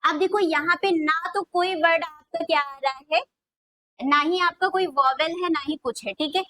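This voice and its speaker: Woman, high-pitched, grammar teacher, question-and-answer style, slow dictation. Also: sharp tone, no echo, rough recording. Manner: repeats questions back to students, drawn-out dictation. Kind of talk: classroom video lesson.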